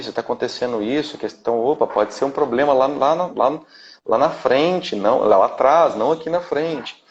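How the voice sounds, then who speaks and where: A Brazilian vocal coach in his thirties guests on a casual live-stream interview via video call, speaking Brazilian Portuguese in a mid-pitched voice. Chatty and rambling, he keeps restarting and tagging sentences with "né?", all over dull, lo-fi audio.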